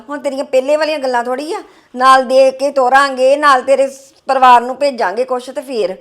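A woman playing a young wife with a high, voice, fretting over money. She complains sharply and sounds worn down by worry. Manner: sharp, complaining, then weary and low. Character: stressed young wife worried about debts. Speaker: daughter-in-law character.

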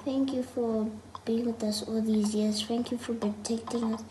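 A young girl saying a soft, halting prayer, her voice a bit high and flat. The sound is roomy, with a clear hiss behind. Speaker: child praying.

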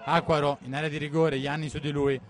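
Male match commentator, higher-pitched, breathless and urgent, firing out excited play-by-play with repeated names. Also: brisk, very noisy.

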